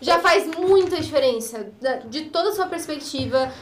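A young woman appears as a podcast guest, chatting casually and encouragingly with filler words in an expressive, high-pitched voice at normal speed. The recording has a roomy studio echo with faint noise.

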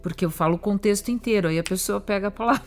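A woman with a Brazilian Portuguese accent, co-hosting a podcast, curious and animated, often jumping in with questions. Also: medium pitch, racing. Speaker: podcast co-host. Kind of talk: casual conversational chat.

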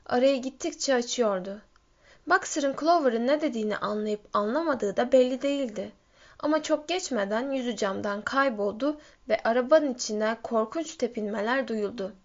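A woman reads a story aloud in a steady, measured voice that sits somewhat high. The recording sounds dull and lo-fi. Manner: steady storytelling, lifts pitch for shouted quotes. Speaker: audiobook reader. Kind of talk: scripted narration.

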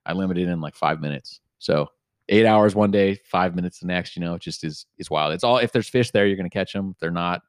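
A young man with a deep, low voice chats casually on a podcast, relaxed and loose, dropping "dude" and "like" all through his sentences. He is recorded close on a studio mic with a dry, dead sound and no room around him. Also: brisk, smooth, no room sound. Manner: laid-back, says "dude" and "like" a lot. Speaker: podcast host.

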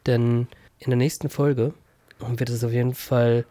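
A man co-hosts a podcast. He talks in a casual, playful way at an average pitch. The sound is very dry. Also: little pitch movement, measured pace, dark tone, dry recording. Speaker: podcast co-host.

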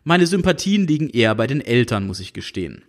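Brief: a man narrating a comic novel, dry ironic tone, very expressive pitch. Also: brisk. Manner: wry, dry ironic storytelling. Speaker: audiobook reader.

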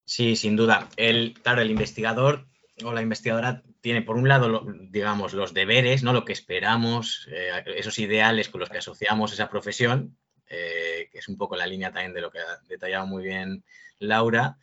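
A man talks as a guest researcher in a panel discussion. His voice is bright and on the low side, and he reasons in a measured way with small hesitations. The sound is dull and lo-fi. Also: steady tone. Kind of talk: explanatory panel talk.

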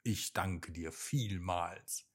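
A man voicing a small, brave young rabbit in a bedtime story, with excited, fretful exclamations. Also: deep voice, drawn-out words, slightly rough, voice pushed down, exaggerated voice. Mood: fretful, eager.

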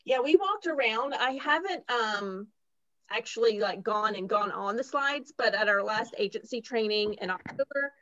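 A chatty woman co-host talking casually and laughing easily. Her voice sits somewhat high, and it comes through slightly dull and dry. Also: expressive, normal speed, fairly bright tone, no room sound. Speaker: podcast co-host. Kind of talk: casual chat.

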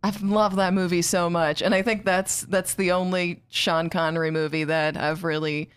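A woman's voice: fairly low pitch, flat delivery, moderate pace, smooth, no room sound. A woman in her twenties co-hosting a podcast, bubbly and giggly, poking fun at herself. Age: 20s. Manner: bubbly, giggly, self-deprecating. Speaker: podcast co-host. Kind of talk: casual podcast chat.

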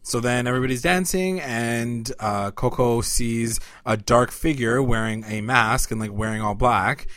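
A man's voice: mid-range voice, a bit bright, no echo, studio quality. A man casually recapping a TV episode with a co-host, loose and chatty with lots of "like". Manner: laid-back, heavy use of "like", quick laughs.

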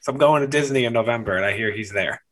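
Excitable young man with stammering restarts. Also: medium pitch, fast. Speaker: podcast co-host. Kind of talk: casual podcast chat.

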